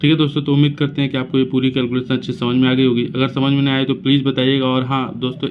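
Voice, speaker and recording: Man explaining a test, slightly muffled. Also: mid-range voice. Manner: addresses viewers directly, explains numbers step by step. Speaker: tech channel host. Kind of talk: casual explainer vlog. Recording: slightly dull with faint noise.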